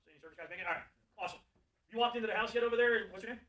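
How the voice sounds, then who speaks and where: In a low-quality recording, a high-voiced man from Florida races through a live training talk on sales and service for a group of technicians. His delivery is animated and full of jokes, and he keeps asking the audience questions.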